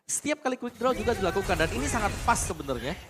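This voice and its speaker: A man's voice: high-pitched, big pitch swings, fast, background noise. A man giving analytical commentary on an esports match. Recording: music behind the voice. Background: music.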